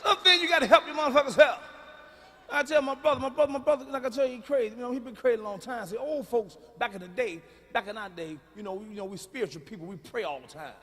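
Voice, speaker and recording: A man doing a stand-up comedy set, telling loud, profane stories and now and then breaking into sudden hollers. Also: sits high, fast talker, hardly any pauses, slightly rough. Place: comedy stage before a live audience. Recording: live hall recording with reverb.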